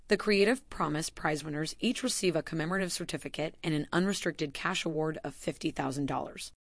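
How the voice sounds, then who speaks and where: Low, dry-voiced woman reading a formal announcement. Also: dry recording. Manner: measured, formal delivery with slow stressed names. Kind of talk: scripted announcement narration.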